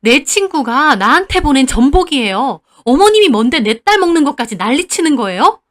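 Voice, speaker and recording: A middle-aged mother at the end of her patience, talking back to her in-laws with a sharp, raised voice, as a woman acts her out. Her voice is fairly high and moves with lively swings as she presses each point. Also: moderate pace. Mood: indignant.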